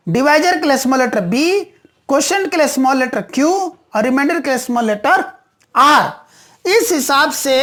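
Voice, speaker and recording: A woman's voice: sits high, fairly bright tone. A woman teaching a maths lesson, patiently repeating each step and answering her own questions.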